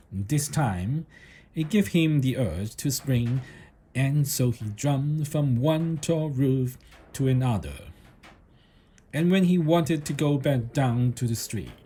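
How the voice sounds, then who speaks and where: A man reads a children's story aloud in a mellow, slightly husky voice. He takes his time, speaking deliberately with expressive pitch.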